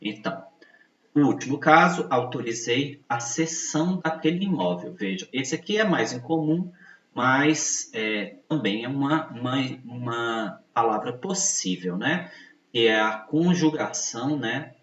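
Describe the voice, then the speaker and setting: A man teaches at an unhurried, deliberate pace, patiently repeating each point and checking that his listeners follow. His voice sits in a middle register and comes from some distance off the mic. The room is noticeably echoey and the recording sounds dull and muffled. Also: mid-range voice, expressive, a bit bright. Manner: slow, patient, repeats points with frequent tag questions. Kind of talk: video lesson explanation.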